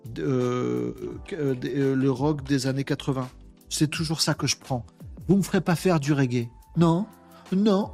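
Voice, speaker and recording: Working at his computer during a live stream, a man chats casually, joking and thinking aloud with plenty of fillers. His voice is medium-pitched, a little mellow, with vocal fry.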